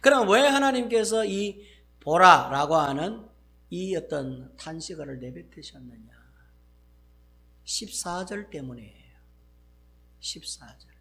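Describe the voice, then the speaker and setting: A male pastor with a Gyeongsang accent preaching a sermon, acting out exclamations and swinging from loud bursts to hushed asides. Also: sits high, expressive, slow pace, long pauses, a little hiss or hum.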